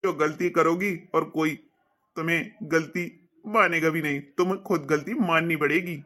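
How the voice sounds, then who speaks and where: A woman's voice: low voice, steady tone, moderate pace, fairly bright tone, pitched below the performer's own voice. A woman voicing a stern young husband who firmly lectures his wife, in a family skit. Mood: lecturing. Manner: firm, lecturing.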